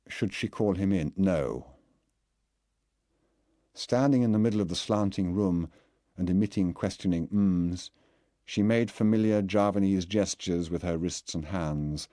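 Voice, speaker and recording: A man reading a literary novel aloud as an audiobook narrator, in a measured, deliberate way. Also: low-pitched, mellow, no echo, studio quality.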